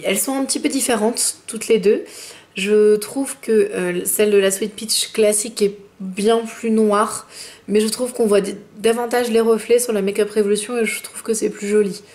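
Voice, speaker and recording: A woman with a chatty manner, reviewing eyeshadow palettes and slowing down to name each shade. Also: mid-range voice, a little mellow. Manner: chatty, fillers, slows down when naming shades. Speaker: beauty vlogger. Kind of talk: makeup review with swatches.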